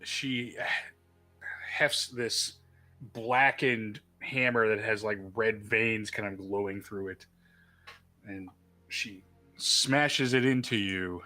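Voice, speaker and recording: A man runs a tabletop game in a slow, unhurried way, stumbling over his words and laughing along. His voice is bright and forward. Faint music plays behind him. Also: on the low side. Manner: relaxed, halting, laughs often. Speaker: game master.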